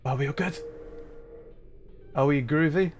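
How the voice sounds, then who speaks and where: A man playing a video game on a casual livestream chats while sorting out problems, flustered and full of apologies and self-deprecation. His slightly high voice moves at a measured pace, with faint music in the background.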